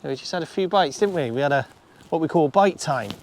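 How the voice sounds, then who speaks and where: Speaking quickly with lively intonation in a voice on the high side, a man fishes from a shingle beach and talks casually to camera for his vlog. He mutters to himself and lets out the odd swear word while the surf rolls in behind him.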